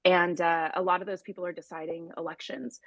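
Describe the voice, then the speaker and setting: A woman with a lowish voice speaks thoughtfully on a panel, pausing with small fillers. The recording is dry and close. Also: level tone, fairly bright tone, dry recording. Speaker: panel speaker on online messaging. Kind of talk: panel discussion. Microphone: audio-only online talk.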